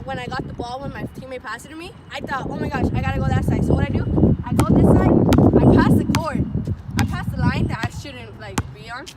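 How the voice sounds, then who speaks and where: A young woman, a student, giving an informal, earnest personal speech in a conversational storytelling way. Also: sits high. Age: teenage to young adult student. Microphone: distant microphone. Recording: distant mic, clearly noisy urban background.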